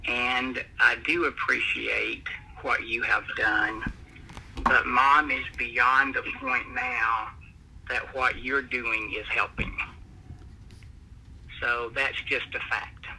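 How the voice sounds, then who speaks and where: A middle-aged man heard down a tinny phone line with faint hiss behind him. He talks slowly and carefully in a bright, tense tone, easing into each point with soft fillers. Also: mid-range voice, creaky. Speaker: brother on the phone. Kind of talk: careful family phone call.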